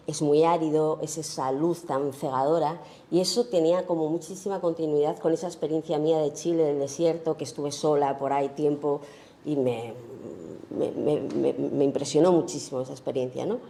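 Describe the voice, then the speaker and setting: A woman's voice: sits low, mellow. A woman photographer giving an informal talk about her own work, thoughtful and searching, with many fillers and tag questions. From Spain.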